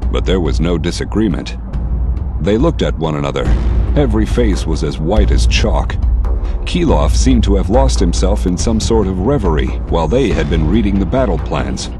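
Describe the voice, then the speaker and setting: A man reading scripted fiction narration for a dramatized audiobook. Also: low voice. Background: loud dramatic music and effects.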